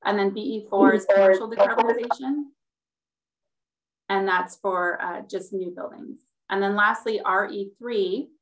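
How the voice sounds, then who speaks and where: A woman's voice: mid-range voice, normal speed, low-quality recording. A woman, a city sustainability manager, giving a staff presentation in a public meeting, heard over a group video call and explaining her slides step by step. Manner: steady, explanatory, walks through slides.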